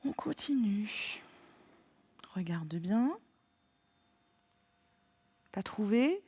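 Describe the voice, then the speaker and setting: A woman's voice: mid-range voice, very animated, extremely slow, mellow, slightly rough, dry recording. A woman teacher giving a remote lesson to young pupils, patient and encouraging, spelling words out letter by letter. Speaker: primary school teacher.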